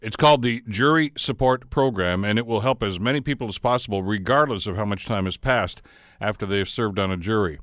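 A man hosting a radio talk show from the studio, his voice sitting fairly low. He talks conversationally and restarts his words as he frames questions. The studio mic sounds close and dry, with no room around it. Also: fairly quick, a bit bright, no echo. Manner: conversational, repeats words while framing questions. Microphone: studio microphone.

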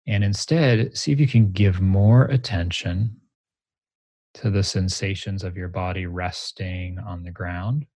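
A man leading a guided grounding meditation exercise, giving gentle, measured instructions in short phrases with pauses between them. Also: deep voice, steady tone, no echo. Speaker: meditation teacher, interview guest.

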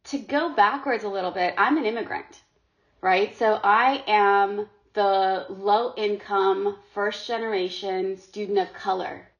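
Speaking unhurriedly in a mid-range voice, this middle-aged woman from Sri Lanka is a guest on a podcast. She talks earnestly and casually, often repeating words, and the audio is dull and lo-fi.

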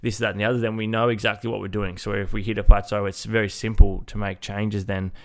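Aussie bloke chatting on a fitness podcast, stuffy nasal voice, kinda low, pretty monotone, informal coach type. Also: male voice, quick pace. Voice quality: nasal, congested-sounding. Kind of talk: casual solo podcast talk.

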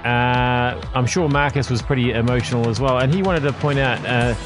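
Jokey New podcast host. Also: male voice, medium pitch, normal speed. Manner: jokey, filler-heavy. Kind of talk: casual news chat. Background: music.

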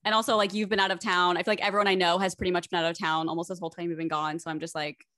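A woman co-hosting a podcast from her home podcast room, upbeat, quick to laugh and self-deprecating in casual chat. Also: lowish voice, little pitch movement, fairly bright tone. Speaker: podcast co-host and editor. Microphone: home podcast mic.

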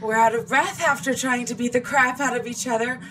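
A woman's voice: a little high, fairly even intonation, a little fast, noisy background, close to an everyday voice. An actress playing a playful female android who reads minds and taunts her opponent with laughs. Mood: teasing. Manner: teasing, mocking, laughs between lines. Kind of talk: audio drama acting.

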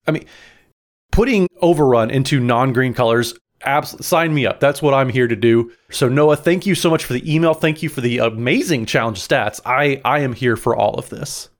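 A man co-hosting a casual podcast, chatting enthusiastically and reading out game card text. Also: mid-range voice. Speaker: podcast co-host.

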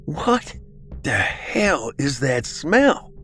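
A man's voice: on the high side, big pitch swings, drawn-out words, fairly bright tone, faint music behind, pitched above the performer's own voice, exaggerated voice. A man voicing a wisecracking young male deputy in an audiobook, with a raised, wry tone.

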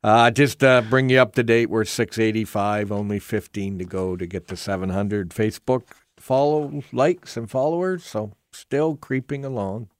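A man's voice: fairly low pitch, fairly even intonation, moderate pace, no room sound. A man with a Canadian accent co-hosting a radio show, mixing casual chat with show promotion. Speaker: radio co-host.

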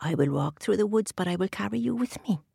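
A woman's voice: mid-range voice, expressive, gravelly, warm tone, slightly rough, dry recording, studio quality, exaggerated voice. A woman voicing a determined, stubborn little girl who talks firmly and insistently. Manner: firm, insistent, slow and deliberate.

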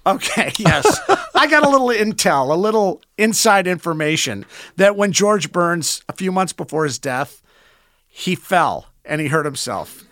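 High-voiced, bright man swapping anecdotes. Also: sing-song, measured pace, no echo, studio quality. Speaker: talk show guest telling anecdotes. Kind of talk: casual anecdotal chat.

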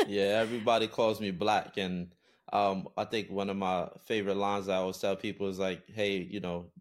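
A man's voice: lowish voice, normal speed. A young man from Brooklyn, New York, a recording artist and guest on a podcast, chatting casually with frequent "uh"s. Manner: relaxed, many filler "uh"s. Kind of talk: casual chat.

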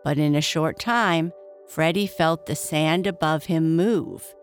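A woman plays a big, kindly, cheery father from a children's bedtime story. The voice is low for a woman and takes its time, telling the tale gently over faint music. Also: slow. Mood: cheerful reassuring.

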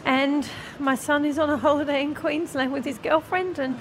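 A middle-aged Australian woman with a high voice, speaking into a handheld microphone amid clear background noise. She chats casually, flustered and rambling, in a down-to-earth way. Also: steady tone, moderate pace. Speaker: radio competition winner. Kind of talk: casual live on-air chat. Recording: clearly noisy background ambience.

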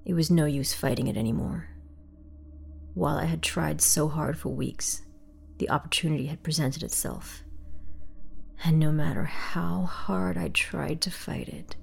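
A woman narrating a first-person horror story in a hushed, breathy whisper. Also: low-pitched.

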